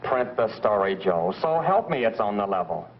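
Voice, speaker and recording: An American actor playing a brisk, sly newspaper reporter in a 1940s B-movie style. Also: male voice, on the low side, big pitch swings. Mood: insistent. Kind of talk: 1940s B-movie film acting. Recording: muffled, noisy vintage film soundtrack.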